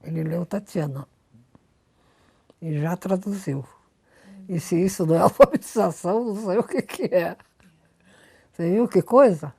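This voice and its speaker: An older woman being interviewed, telling lively anecdotes and repeating words for emphasis. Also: fairly low pitch, normal speed, gravelly, long pauses, husky. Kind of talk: storytelling interview.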